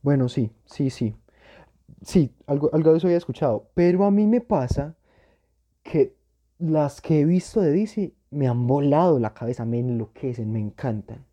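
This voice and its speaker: A man's voice: a little high, expressive, normal speed, dark tone. A man co-hosting a casual podcast chat, reacting with theatrical exclamations. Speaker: podcast co-host.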